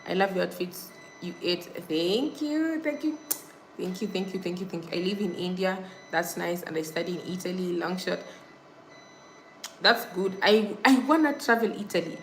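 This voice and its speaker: The recording is rough, with slight background noise, as a young woman from Kenya with a lowish voice chats casually on her livestream. She reads viewer comments and keeps thanking people and reminding them to subscribe.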